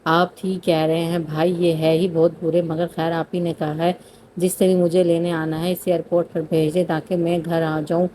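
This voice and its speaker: A woman's voice: fairly low pitch, flat delivery, dark tone, slight background noise, natural voice. Woman reading as a cheeky teasing young woman. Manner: teasing, playful.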